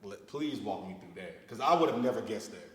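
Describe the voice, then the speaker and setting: Male podcast host, a bit low-voiced, energetic and full of slang; echoey room. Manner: excitable, slangy, quick to laugh. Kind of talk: casual chat. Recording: echoey room with long reverb.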